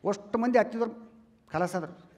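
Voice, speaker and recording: A man with a North Karnataka Kannada accent doing stand-up comedy on stage, chatting loudly with the crowd and calling them relatives. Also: high-pitched, normal speed. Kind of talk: stand-up comedy before a live audience. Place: stage in a large hall. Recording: long hall reverb.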